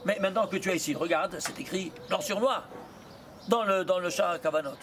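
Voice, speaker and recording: High-voiced man teaching a Torah class. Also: background noise. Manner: quizzes students with rapid rhetorical questions; mixes Hebrew terms into his talk. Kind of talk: lively Torah lesson.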